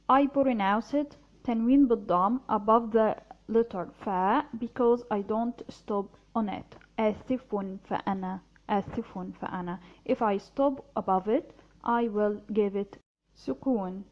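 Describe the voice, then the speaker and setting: A woman's voice: a little high, lo-fi sound. A woman teaching Arabic, reading a short story aloud and explaining its words and grammar in English. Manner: slow, careful explaining, mixing English and Arabic.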